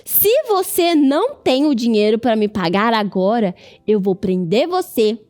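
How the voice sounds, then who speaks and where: Brief: a Brazilian king, stern then forgiving, storybook telling, a woman voicing him, bright and high. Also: very animated, normal speed. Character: stern then merciful king, adult man.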